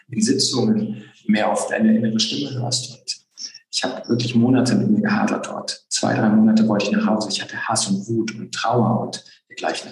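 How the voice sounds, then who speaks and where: A man's voice: fairly low pitch, darkish tone. A young man telling his personal story in an interview, earnest and reflective, with many fillers. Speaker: guest. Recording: roomy echo.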